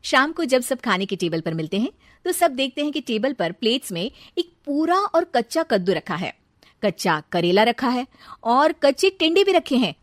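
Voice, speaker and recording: A woman with a very high voice narrates a scripted story as its storyteller. The recording is dry, with little room sound. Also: sing-song, moderate pace, no room sound.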